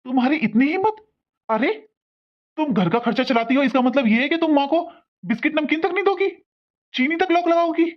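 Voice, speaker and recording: Woman voicing a reproachful son, high voice, muffled lo-fi recording. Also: animated, fairly quick. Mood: angry. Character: grown son, angry then remorseful. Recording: dull lo-fi sound.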